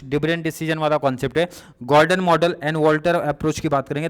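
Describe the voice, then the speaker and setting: A young male teacher talks through exam revision in a relaxed, chatty way, stopping often to check that his students are following. His voice sits a little high for a man. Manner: casual, repeatedly checks understanding with students.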